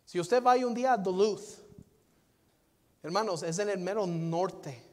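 High-voiced preacher in a reverberant hall. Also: male voice, unhurried. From United States. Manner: dynamic preaching, swings from soft to loud, repeats phrases. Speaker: pastor. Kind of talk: sermon. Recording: long reverb of a large hall.

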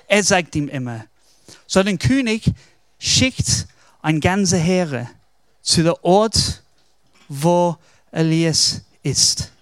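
Brief: male preacher, lively storytelling, higher voice, slow, dry close mic. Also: clean tone, no room sound. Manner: animated storytelling, switches into English words. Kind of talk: devotional Bible talk.

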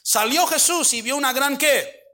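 High, bright-voiced preaching man. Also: moderate pace. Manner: reads scripture aloud with joking asides, switching between Spanish and English; quizzes the congregation with call-and-response questions. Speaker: pastor. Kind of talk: bilingual sermon. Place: church sanctuary.

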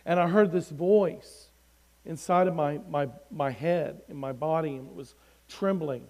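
A man's voice: a little high, a little slow, poor audio. A middle-aged man sharing his personal testimony in a church service, speaking earnestly and rising in volume when he reads scripture aloud. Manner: earnest, swells loudly when reading scripture. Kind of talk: testimony sermon.

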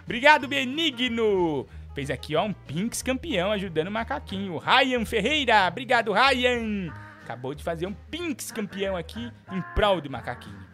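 A man hosting a comedic live stream, joking with callers and swinging between murmured asides and theatrical shouting. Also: sits high.

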